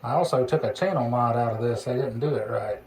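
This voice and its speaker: A CB radio hobbyist talks casually as he shows off a repaired radio at an indoor electronics workbench. He has a mid-range voice and speaks a little fast, over a clearly noisy recording with background hiss.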